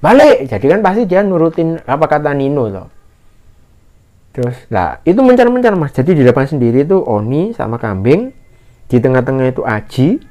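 A man telling a mountain story in casual conversation, acting out the shouted lines of others in a raised voice. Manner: animated, acts out shouted quotes in a higher voice. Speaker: guest storyteller. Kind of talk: casual spoken horror story.

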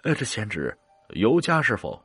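A man voicing an obsequious county magistrate flattering a newly successful scholar. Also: on the low side, moderate pace, husky, no echo, soft background music, exaggerated voice. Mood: fawning.

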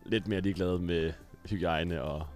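A young man with a somewhat low voice, chatting in an easy, agreeable way. He speaks softly and comes across relaxed in a casual group podcast, with faint music under the talk. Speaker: podcast co-host. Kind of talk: casual chat.

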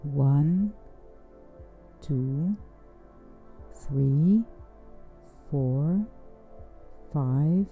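A woman leading a guided breathing meditation in a soft, soothing, unhurried voice with long pauses. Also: low voice. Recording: dull, muffled sound with music underneath. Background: music.

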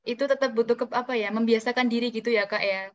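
Woman host asking quick friendly questions, dull muffled audio. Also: on the high side, fairly even intonation. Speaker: interview host. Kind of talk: casual interview. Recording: dull lo-fi sound.

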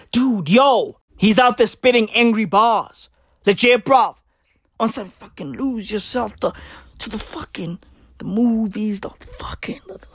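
A southern African woman, a native Tswana speaker, has a husky, mid-range voice. Working as a comedian, she gives a rambling stand-up style rant that's animated, profane and heavy on slang. No room sound is audible.

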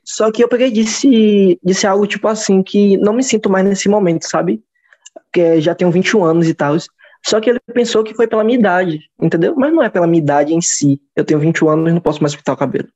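A young Brazilian man in his twenties, with a Brazilian Portuguese accent, hosts a podcast in a high, slightly mellow voice at a quick pace. He muses casually, rambling and restarting his thoughts, on a dull lo-fi recording.

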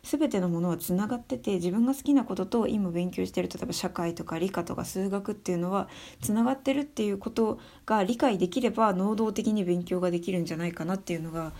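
A young adult woman giving her views in a casual spoken monologue, soft and thinking aloud with many fillers. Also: medium pitch, quick pace, hardly any pauses. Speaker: speaker sharing views on education.

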